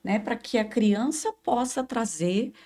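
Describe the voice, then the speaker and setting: A woman's voice: on the high side, a little slow, warm tone. A woman, a parent speaking reflectively on a panel. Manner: reflective, addresses the listener as "tu". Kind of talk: casual panel discussion.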